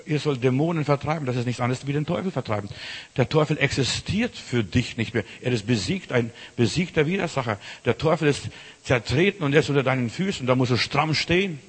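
A pastor preaching informally, speaking directly to the listener with emphatic, urgent phrasing. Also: male voice, mid-range voice, lively intonation, fairly quick, breathy edge, in a large hall. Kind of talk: informal sermon.

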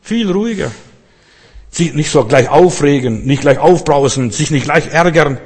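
A man's voice: a little high, expressive, normal speed, darkish tone, husky. A man preaching a sermon, earnest and repetitive, speaking straight to his listeners. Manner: earnest, repeats phrases, addresses listeners directly. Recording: long reverb of a church hall.

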